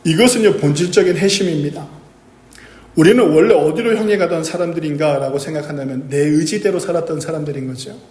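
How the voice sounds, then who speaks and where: A pastor preaching a sermon, asking the congregation questions and answering them himself. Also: male voice, a little high, fast talker, a little mellow. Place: church sanctuary. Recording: echoey church hall.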